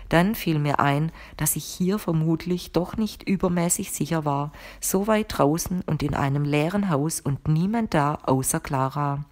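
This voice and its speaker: A woman with a low voice reads a first-person audiobook. Her delivery is measured and even, keeping a steady storytelling pace. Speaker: audiobook narrator. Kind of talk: first-person scripted narration.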